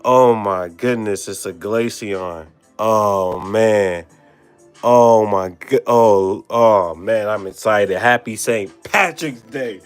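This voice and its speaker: A young man hosting a card-opening vlog, excited, exclaiming and stammering over his pulls. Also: lowish voice, slow, smooth, soft background music. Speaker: card-opening channel host.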